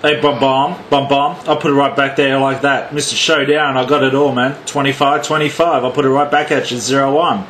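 An Australian CB radio operator, indoors at his set, reels off showy, repetitive patter packed with call signs and slang. His medium-pitched voice stays flat, a little fast, with hardly any pauses, and the room is clearly noisy, with radio noise behind him.

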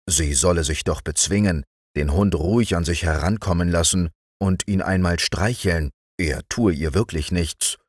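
A man narrating a fairy tale as a calm bedtime audiobook reader. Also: sits low, slightly rough, no echo, clean studio sound. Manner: calm, expressive storytelling.

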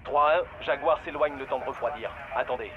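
A man's voice: medium pitch, fairly quick, narrow, tinny audio, very noisy. An actor playing a male gunship crew member who calls in strikes over the radio in clipped, procedural military calls. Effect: radio transmission. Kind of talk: video game dub. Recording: echoey radio voice over loud gunfire.

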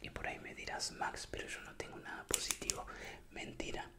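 A young adult Latin American ASMR creator, using voseo, gives a pep talk in a breathy, unvoiced whisper that runs a little fast. He sounds soothing, repetitive and encouraging, close to a desk microphone in a small room with a bare wall.

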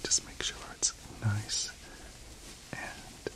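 A middle-aged man in a whispered role-play as a gentle, reassuring chemist, speaking in a soft, soothing spa whisper. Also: extremely slow, poor audio. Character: gentle, reassuring male chemist tending to a client. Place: indoor studio set.

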